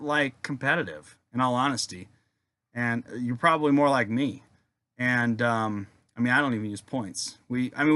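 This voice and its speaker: A man's voice: fairly high pitch, pushed and bright, clear, resonant tone, no echo. A young adult man rambling casually in a video rant, laid-back and swearing freely, with lots of fillers. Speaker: wargaming video maker.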